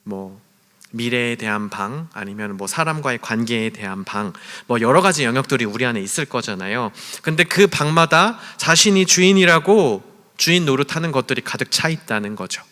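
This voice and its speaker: A man's voice: mid-range voice, animated, moderate pace. A man preaching a sermon to a youth group, telling stories and acting out the lines he quotes. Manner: storytelling, acts out quoted lines with shouts and whispers. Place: church hall. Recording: long church hall reverb.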